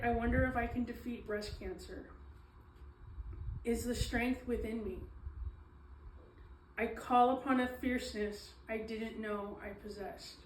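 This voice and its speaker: A woman giving a slow, earnest reading of her own poetry, pausing often with ums and apologies. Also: a little high, a little hiss or hum. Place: small event space, indoors. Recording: echoey room, mic at a distance.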